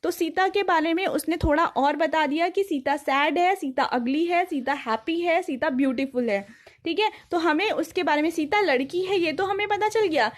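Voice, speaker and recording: A woman's voice: very high voice, normal speed. A woman teaching a grammar lesson, repeating each definition in both languages with hesitant fillers. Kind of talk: grammar lesson explaining English in Hindi.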